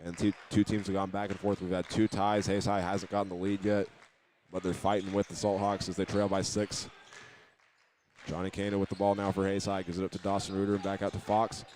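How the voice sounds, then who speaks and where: Brisk and monotone, with a slightly mellow quality, a male announcer with an American accent delivers live radio play-by-play of high school basketball. You can hear a faint hiss or hum along with the clear ambience of the gym and the bouncing ball.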